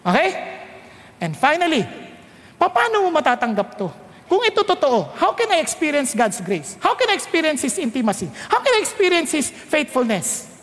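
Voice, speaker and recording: Filipino male preacher, high voice, big hall echo, lively sermon delivery. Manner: quizzes the congregation, reads scripture slowly and low, rises loud when urging. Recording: long echo of a large hall.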